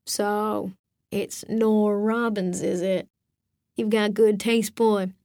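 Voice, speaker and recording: A woman reading an audiobook, voicing a gruff, suspicious old grandfather with folksy, drawling speech. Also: mid-range voice, little pitch movement, slow, a little mellow, no room sound, studio quality. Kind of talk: audiobook character voice.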